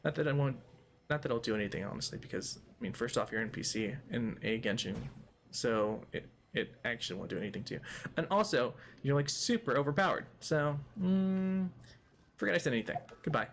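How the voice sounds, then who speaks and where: A man's voice: medium pitch, animated, a little fast, slight background noise. A man hosting a let's play, giving casual, rambling commentary full of jokes and talking to the game's characters. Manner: jokey, rambling, talks to game characters.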